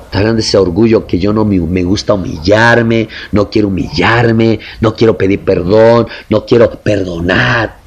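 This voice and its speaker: A man preaching a sermon in Spanish, impassioned, building emphatic lists and calling his listeners brother. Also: lowish voice.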